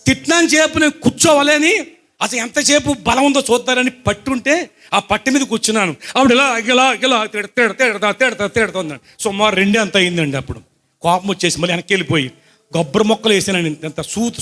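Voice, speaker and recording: A high-voiced man preaching to his congregation, mixing personal testimony with scripture. He tells his story with questions to the listeners and shifts from loud, excited bursts to quiet asides. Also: fast.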